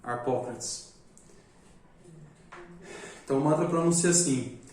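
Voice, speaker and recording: A man teaching a live class, casual and joking, often tagging his points with a quick question. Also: mid-range voice, a little mellow, slight background noise. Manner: joking, chatty, repeats "né?" often. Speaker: magic course teacher. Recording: echoey room, distant mic.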